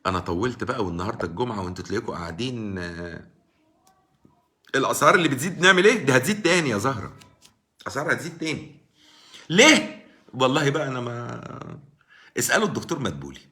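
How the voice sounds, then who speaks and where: An Egyptian-accented man talks fast on his live stream and argues his case to the viewers. His pitch swings widely from high to low, and his voice sounds bright and forceful. He calls out viewers by name as he answers them. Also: lively intonation. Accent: Egyptian Arabic. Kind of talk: casual political commentary on a live stream. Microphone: live-stream mic.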